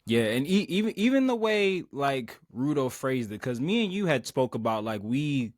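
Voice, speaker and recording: A man co-hosting a casual anime podcast, talking in animated slang and jumping into louder voices when he quotes characters. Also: mid-range voice, moderate pace, no echo, studio quality. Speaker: podcast co-host.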